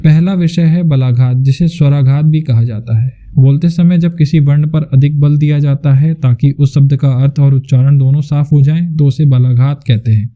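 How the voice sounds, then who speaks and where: A man narrating a scripted lesson as a teacher, explaining in a clear, measured way. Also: fairly high pitch, fairly even intonation, dark tone.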